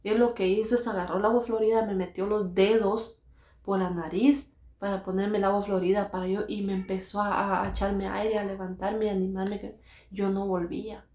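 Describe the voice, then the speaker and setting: A woman at a mid pitch tells her personal story earnestly, circling back to repeat key phrases and briefly voicing the people in it. The room around her rings with a noticeable echo. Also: flat delivery, moderate pace, warm tone. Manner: earnest, repeats phrases, acts out quoted voices. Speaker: vlogger recounting her own experience. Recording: roomy echo.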